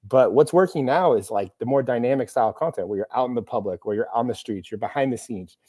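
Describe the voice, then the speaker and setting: This live Q&A host's mid-range voice is mellow and slightly rough, and he speaks fast. He chats casually in a rambling, self-deprecating manner heavy with fillers, in a room with a camera operator.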